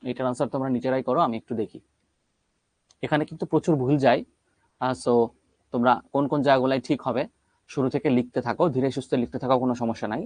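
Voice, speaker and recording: A man's voice: mid-range voice, fairly even intonation, fast talker, pauses often, a little mellow, dry recording. A man teaching an English grammar class online, explaining step by step and asking and answering his own questions.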